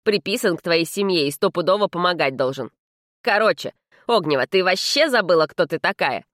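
A woman's voice: on the low side, animated, fairly quick, a bit bright, no room sound, clean studio sound. A woman voicing a scrawny, cheeky male house spirit who sounds like a teen, brash and slangy in an audiobook. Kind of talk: audiobook character reading.

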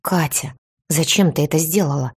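A woman's voice: sits low, moderate pace, husky. A woman voicing a cornered, sullen young man, the cheating fiancé, who talks in a curt and gloomy way.

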